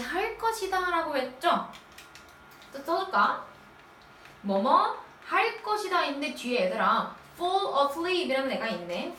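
High, lively woman teacher, echoey room. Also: recorded from a distance, slight background noise. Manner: asks quick questions and answers them herself, drilling step by step. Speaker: middle school English teacher. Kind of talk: recorded lecture.

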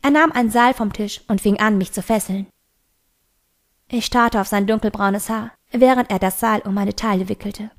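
A woman's voice: mid-range voice, normal speed. Woman reading a novel aloud. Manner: steady first-person storytelling. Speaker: audiobook reader.

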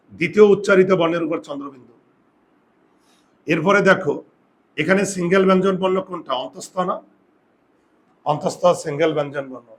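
A man teaching a Bengali grammar class, explaining step by step and asking students whether they follow. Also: a little high. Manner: drawn-out, emphatic pronunciation of example words. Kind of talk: classroom lesson.

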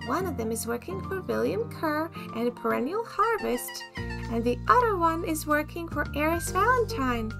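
A woman's voice: very high voice, huge pitch swings, moderate pace, creaky, music in the background, pitched above the performer's own voice, heavily acted. A woman voicing a chatty, eager, gossipy young bat in a game. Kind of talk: game dialogue read aloud in character.

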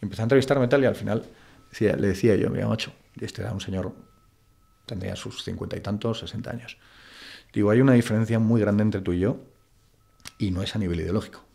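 A fast-talking man with a lowish, creaky, dark voice appears as a guest in a laid-back interview. He's from Madrid, Spain, and his speech is blunt and colloquial, heavy on "tío" and "macho."

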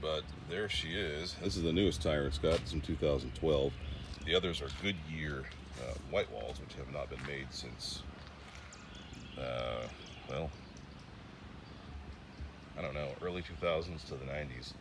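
Here a classic car vlogger circles an old car outdoors, speaking in a rumbling low voice against background noise. He chats casually and rambles, filling pauses with filler words and restarting as he goes.

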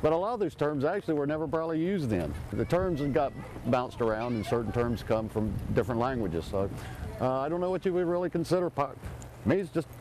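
Rambling man at mid pitch, interviewed. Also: animated, fairly quick, noisy background. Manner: rambling, hedging, loose. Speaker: pirate reenactor interviewed. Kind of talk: casual interview answers.

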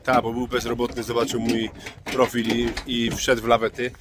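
A man's voice: mid-range voice, monotone, normal speed, background noise. A man hosting his own vlog as a tow truck driver, telling rambling stories in a casual way and swearing freely. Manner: rambling, swears freely, calls listener "chłopie". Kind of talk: casual storytelling to camera.

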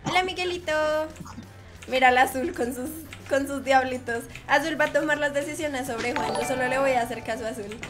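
A woman's voice: sits high, fairly quick, music in the background. A woman streaming a game live, teasing and chatting playfully with her viewers.

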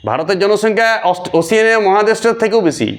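A man teaching a geography lesson for exam prep, repeating key names slowly and quizzing his viewers. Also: high voice, lively intonation.

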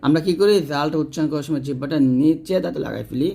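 Male Quran tutor, slightly high voice, patient step-by-step delivery, repeats each sound. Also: gravelly, mellow. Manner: slow, patient instruction, repeating each letter sound several times; asks questions and answers them himself. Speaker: Quran teacher. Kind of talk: step-by-step pronunciation lesson.

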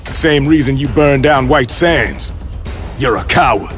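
An actor playing a defiant, angry soldier hero in a video game, combative and terse. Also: male voice, medium pitch, animated, measured pace, natural voice. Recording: game music and effects behind.

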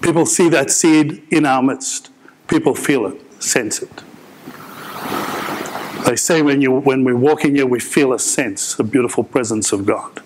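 Middle-aged male pastor, earnest sermon, halting restarts, repeats lines for emphasis. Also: medium pitch, slight background noise, rough recording. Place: large indoor church hall.

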